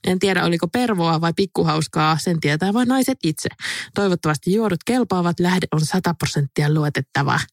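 A woman's voice: lowish voice, expressive, no room sound, studio quality. A woman co-hosting a podcast in casual chat, giggling often and reading listener gossip aloud. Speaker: podcast co-host.

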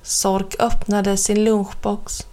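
A woman narrating a children's storybook in a clear, even storytelling manner. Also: mid-range voice. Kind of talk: storybook reading.

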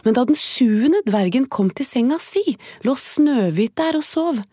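A woman reading a fairy tale aloud as a storyteller, calm, gentle and evenly paced. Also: sits high, no echo, clean studio sound.

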